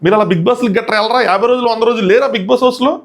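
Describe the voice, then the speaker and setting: A man hosting a casual comic review, mocking and excitable with slangy asides. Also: extremely high pitch, very fast. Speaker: show reviewer and host.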